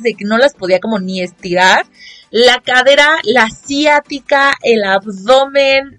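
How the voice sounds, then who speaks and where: Speaking on the high side, a young Mexican Spanish-accented vlogger spins a casual, dramatic story. She performs it expressively and ridicules those she quotes.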